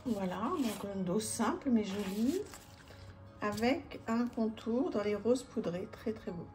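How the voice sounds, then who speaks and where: A woman's voice: medium pitch, expressive, slow pace, faint music behind. A woman casually showing an oracle card deck, chatty with many hesitations. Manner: chatty, warm-hearted, many fillers. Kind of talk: casual product presentation.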